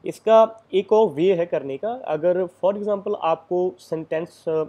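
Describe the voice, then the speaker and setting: A man's voice: on the high side, mellow. A man giving a casual lecture as an exam coaching teacher, explaining step by step with frequent fillers.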